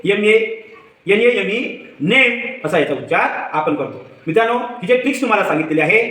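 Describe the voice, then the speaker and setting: A man giving a children's phonics lesson, slowly spelling out letters and asking the viewer questions, then answering them himself. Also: high voice, a bit bright. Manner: slow, patient, spells letters one by one. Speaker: teacher. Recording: echoey room, far from mic.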